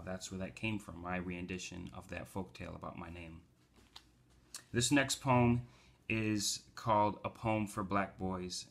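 A man's voice: lowish voice, bright, forceful tone. A man, a community organizer and poet from the United States, talking casually with fillers before reading his poems aloud from home. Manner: loose talk with fillers, rising to emphatic poetry recital. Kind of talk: casual talk and poetry reading.

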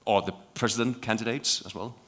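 A man with a Danish accent speaks on a conference panel. His voice sits fairly low, and he talks animatedly, with lots of "you know" and repeated words. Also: steady tone, fairly quick, fairly bright tone. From Denmark. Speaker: panel guest.

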